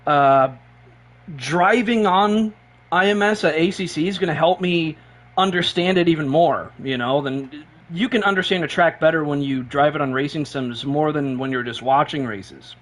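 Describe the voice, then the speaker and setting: High-voiced, excitable male streamer. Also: normal speed. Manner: excitable, rambling, repeats himself. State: short on sleep and caffeinated. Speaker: sim racing live streamer. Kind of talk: excited live-stream chat.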